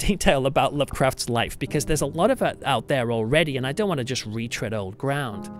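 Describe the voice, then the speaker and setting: Over music, a British man with a higher, fairly bright voice narrates his podcast. A church pastor as well as a host, he delivers scripted narration with conversational asides in a reflective review.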